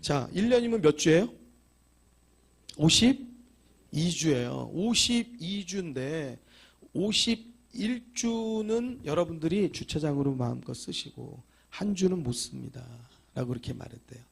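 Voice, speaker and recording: Male pastor, husky and high, emphatic sermon storyteller. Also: lively intonation, unhurried. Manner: emphatic preaching, rising to loud exhortations; storytelling with acted quotes.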